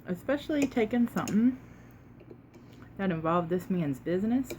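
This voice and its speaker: A woman tells a casual, unhurried story while eating, pausing to chew and sometimes talking with her mouth full, with emphatic retelling. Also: mid-range voice, animated, darkish tone, slight background noise. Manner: unhurried, conversational, emphatic retelling with quoted exchanges. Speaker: mukbang vlogger.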